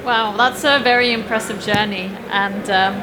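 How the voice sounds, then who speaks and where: A woman's voice: medium pitch, steady tone, normal speed. A young adult woman hosting a fireside interview, upbeat and gushing, with fillers. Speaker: interview host. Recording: clear background noise.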